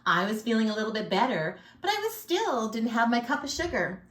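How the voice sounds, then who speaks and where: A woman's voice: on the high side, expressive, a little fast, close to an everyday voice. A woman voicing a chatty, self-pitying male wolf who tells his own side of a storybook tale with folksy, theatrical flair. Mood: sly, aggrieved. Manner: folksy, sly, theatrical sneezes. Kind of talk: storybook read-aloud. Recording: echoey room.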